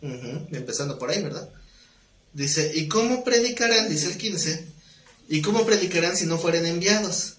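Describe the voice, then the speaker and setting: A man with a high-leaning, fairly bright voice teaches an exegetical Bible study at normal speed, explaining passages, reading scripture aloud, and questioning the class. The recording has a roomy echo and faint noise.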